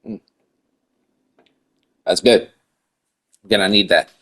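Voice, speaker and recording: A man's voice: lowish voice, slow, fairly bright tone. A man in his thirties hosting his own channel, chatting casually and rambling with restarts. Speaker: channel host. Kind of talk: casual vlog chat.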